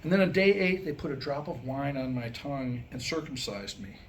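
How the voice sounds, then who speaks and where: Speaking briskly at a medium pitch, this man in his sixties performs a staged reading of jokes and comic monologue. He acts out the dialogue with wry humor. The live room recording is rough and picks up background noise.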